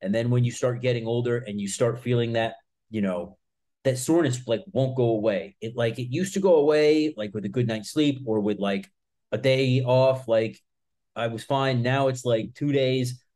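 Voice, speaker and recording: Speaking at a moderate pace in a mellow, mid-range voice, this mid-thirties martial arts channel host addresses the camera. He gives blunt, emphatic advice in a casual style, swearing freely and keeping things informal.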